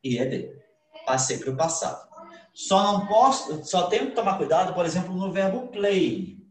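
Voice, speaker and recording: A man's voice: high voice, expressive, normal speed. A man, an English teacher, explaining grammar in an online class, asking questions and answering them himself. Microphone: computer mic on video call. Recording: roomy video call audio.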